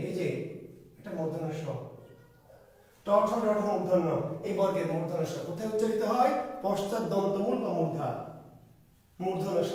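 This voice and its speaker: High-voiced male teacher in an echoey room. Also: a little mellow. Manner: quizzes listeners with repeated questions and answers. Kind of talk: classroom grammar lesson. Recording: very echoey room, far from the mic.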